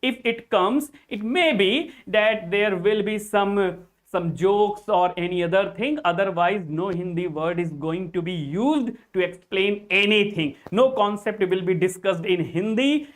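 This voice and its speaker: A man's voice: sits high, measured pace, few pauses. A man with an Indian English accent teaching an exam-prep English lesson, repeating key points and addressing his students directly.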